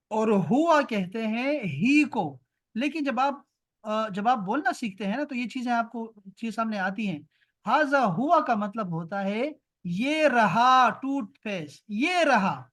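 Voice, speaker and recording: Man teaching a slow, repetitive online lesson. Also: sits high, a bit bright. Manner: explains slowly, repeating words and switching to quick asides. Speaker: Arabic teacher. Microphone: video call.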